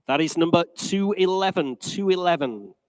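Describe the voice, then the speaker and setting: A man's voice: high-pitched, animated, normal speed, dry recording. A man working as an auctioneer, calling bids live in a polished, courteous, repetitive patter.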